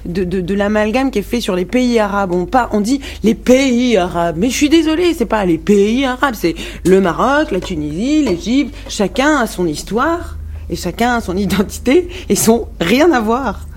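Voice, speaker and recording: A woman's voice: mid-range voice, lively intonation, normal speed, darkish tone. Outspoken woman musician. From Morocco. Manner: outspoken, frank, many restarts and fillers. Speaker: musician guest. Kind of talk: radio interview.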